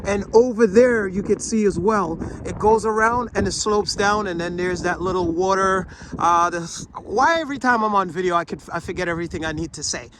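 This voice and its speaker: A high-pitched man, not a native English speaker, gushes and rambles as he walks a hilltop fort outdoors. He talks to a handheld camera in a casual, excitable way. A faint outdoor hum sits behind his voice. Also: brisk, hardly any pauses. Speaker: travel vlogger. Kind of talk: casual vlog walkthrough.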